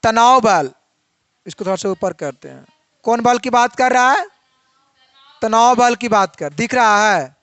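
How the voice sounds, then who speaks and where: A man's voice: extremely high pitch, lively intonation, a little slow, pauses often, fairly bright tone, no room sound. A young man teaching a physics class, asking questions and then answering them himself.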